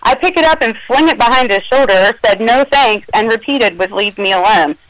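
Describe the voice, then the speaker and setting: Agitated woman, animated retelling, dry close sound. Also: fairly high pitch, normal speed, no room sound, low-quality recording. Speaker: caller recounting an incident. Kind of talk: emotional first-person account.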